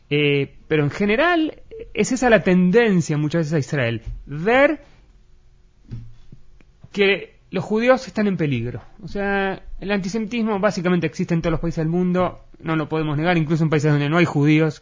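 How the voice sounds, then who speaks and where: A man from Argentina with an Argentine accent, explaining politics in an interview, hesitating often with fillers and restarts. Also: a little high. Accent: Argentine Spanish. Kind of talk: analytical interview talk. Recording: muffled lo-fi recording.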